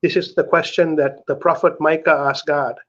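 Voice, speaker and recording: Heard through muffled video call audio, a middle-aged man from Sri Lanka, an author, talks frankly and earnestly as an interview guest, often checking in with "right?". His fairly high, fairly bright voice stays steady at a moderate pace.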